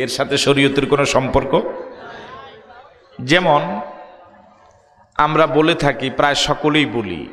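A man's voice: on the high side, a bit bright, long reverb tail. A man with a Bangladeshi Bengali accent preaching a sermon, calling out questions to the crowd and joking between points. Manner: calls out questions to the crowd, jokes, chanted Arabic verses.

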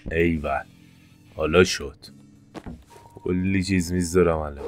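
A man commentating his gameplay casually, excitable, jumping to sudden high-pitched yelps. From Iran. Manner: excitable, jumps to high-pitched yelps when fires start. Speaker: gameplay streamer. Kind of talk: casual let's-play commentary.

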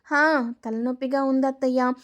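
A woman reading the part of a sassy, quick-tongued young daughter-in-law in a spoken story. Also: high-pitched, steady tone, dull audio. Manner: sassy, mocking retorts.

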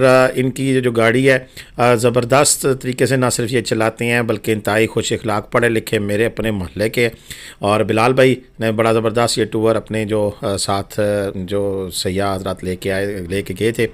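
A man's voice: lowish voice, steady tone, normal speed. Chatty man narrating a travel update. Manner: chatty, informal, with frequent fillers. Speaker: travel vlogger giving weather updates. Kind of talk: casual voice-over narration.

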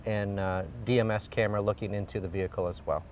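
A man's voice: fairly low pitch, fairly even intonation, quick pace, far from the mic, a little hiss or hum. A middle-aged man, an engineering executive, explaining a product in an outdoor on-camera interview with frequent fillers. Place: outdoors beside a car. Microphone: lapel.

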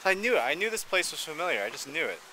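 Out in the yard near a wooden deck, the young vlogger, who works as a house painter, holds his camera at arm's length and chats casually, rambling and joking. He talks very fast in a fairly high, very animated, bright and forceful voice, on a low-quality recording with a little hiss or hum.

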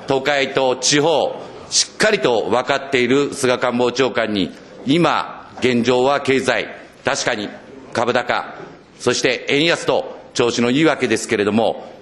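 A man from northern Japan questions officials in a parliamentary committee room. His delivery is formal and ceremonious, and he often pauses on hesitation fillers as he speaks into a desk microphone. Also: mid-range voice, a bit bright. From Akita, Japan. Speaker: legislator asking questions.

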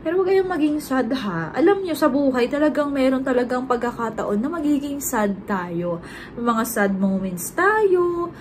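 A woman's voice: sits high, animated, normal speed, a little mellow, slight background noise, rough recording. A young woman with a Filipino accent, chatting casually and animatedly through a makeup tutorial, mixing Tagalog and English. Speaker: beauty vlogger.

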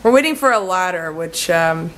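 A woman in her forties, a travel vlogger, films herself with a phone held at arm's length in the outdoor garden courtyard of a house, giving a casual walkthrough. Her lowish, fairly bright voice is expressive at a moderate pace, and she rambles chattily, saying "like" a lot. The recording is low quality with slight background noise.

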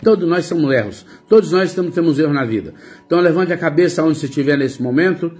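A man's voice: a little high, expressive, quick pace, darkish tone. A Brazilian man hosting a casual live stream as a psychic, greeting viewers by name and teasing them in a chatty way. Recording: faint music behind.

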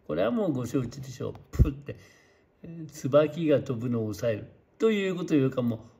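A man's voice: medium pitch, animated, fairly quick, creaky, warm tone, breathy edge. An older man, an opera singer and voice teacher, giving a rambling spoken lesson into a studio mic with a pop filter, modelling words aloud and speaking a little unclearly because of tooth trouble.

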